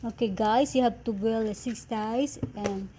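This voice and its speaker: A woman chatting casually in a home kitchen as vlog host, asking many questions in halting English. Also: fairly high pitch, steady tone, dark tone. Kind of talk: casual cooking chat. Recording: noisy kitchen with sizzling.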